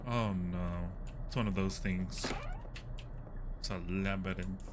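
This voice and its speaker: A man hosts a livestream of a horror game, his voice sitting low with fairly even intonation and a slow pace. He keeps up casual, jokey commentary, exclaiming and yelping when something startles him. Background noise is clearly audible on the stream.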